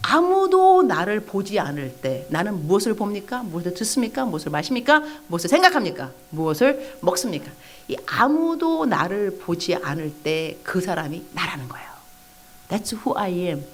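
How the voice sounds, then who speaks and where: Animated woman pastor preaching, chatty. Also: mid-range voice, moderate pace. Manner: animated storytelling with quoted outbursts and chatty asides. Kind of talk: lively evangelistic sermon to young adults. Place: church hall.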